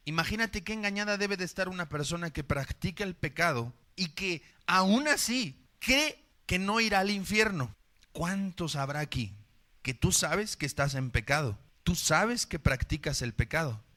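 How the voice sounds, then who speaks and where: A man's voice: high voice, bright, forceful tone. A man with a Mexican accent preaching a sermon, dramatic and full of rhetorical questions aimed straight at the congregation.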